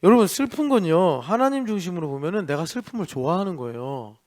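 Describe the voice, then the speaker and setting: Male pastor, middle-aged, lively sermon delivery, voices for characters, higher-pitched. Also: fast talker. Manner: animated preaching, mimics the devil and sulking people. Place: church worship service.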